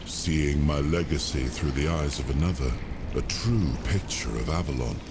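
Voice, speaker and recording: Weary ghostly king for a fantasy game, deep voice, regal and solemn, noisy background. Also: moderate pace. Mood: wry, resolved. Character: weary spirit of fallen King Arthur, noble, incomplete. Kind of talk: dramatic video game acting.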